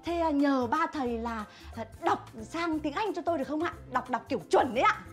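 An actress as a shrill scolding mother. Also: fairly quick, soft background music, natural voice. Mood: polite. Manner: scolding, mocking. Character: sharp-tongued middle-aged woman, mother, scolding fake tutors. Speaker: comic actress in a sketch. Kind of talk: stage comedy sketch.

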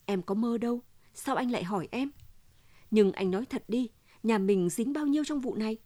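A woman's voice: on the high side, normal speed, dark tone, no echo, natural voice. Woman reading as a pleading, distraught wife. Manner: pleading, insistent.

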